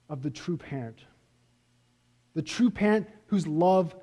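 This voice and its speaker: A man preaching a sermon as pastor, earnest, pressing his points and then letting them fall away softly. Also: a little high. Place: church sanctuary. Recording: reverberant church hall.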